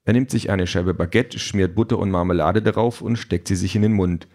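A man reading an audiobook in a steady, dry storytelling manner. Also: deep voice, fairly quick. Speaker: audiobook narrator. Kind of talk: scripted narration.

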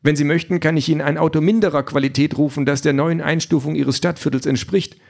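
A man's voice: fairly high pitch, fairly even intonation, quick pace, creaky, voice pushed up. A man voicing a fussy, overly formal self-driving car that is eager to please. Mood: prim, polite.

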